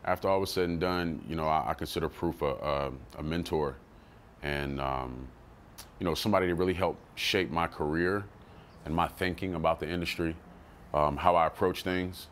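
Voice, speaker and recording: A man talking casually in an interview about his early rap career, loose and animated, jumping into quoted voices and swearing freely. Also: sits low, normal speed, slight background noise. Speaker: rapper telling his story.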